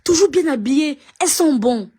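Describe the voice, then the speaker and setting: A woman's voice: high voice, expressive, normal speed, warm tone. A woman ranting in a video, scolding and mocking with lots of repetition. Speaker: online commentator.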